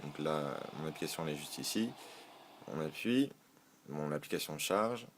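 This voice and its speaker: A man with a very low voice talks through a phone tutorial in a loose, casual way. He hesitates often and corrects himself as he goes. He is recorded on a phone. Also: expressive, normal speed, a little hiss or hum. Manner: informal, hesitant, many fillers and self-corrections. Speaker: tech tutorial host. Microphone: filmed on a phone.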